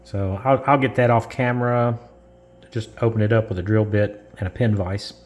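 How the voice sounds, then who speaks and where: A man with a lowish, steady voice narrates a model-building step over slight background noise. His relaxed explanation is slow and rambling, broken by self-corrections, chuckles, and dusty coughs.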